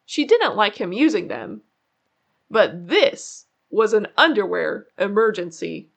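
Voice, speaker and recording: A woman reading a children's story aloud in an expressive way, drawing out key words for suspense. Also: mid-range voice, slow pace, vocal fry. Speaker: children's book narrator. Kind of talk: animated read-aloud storytelling.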